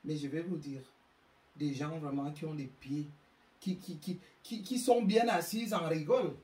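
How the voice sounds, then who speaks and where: A woman's voice: deep voice, a little slow, dark tone. A woman from Africa lecturing parents in an emphatic, reproachful way, tripping over and repeating words as she hunts for the right one. She sits well back from the microphone, and her voice rings around an echoey room. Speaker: speaker on parenting. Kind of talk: public talk to parents. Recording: echoey room, distant mic.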